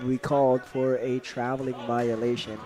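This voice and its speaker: A man giving solo play-by-play commentary on a basketball game, excitable and rising to shouts on big plays. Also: medium pitch, moderate pace. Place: indoor college gym.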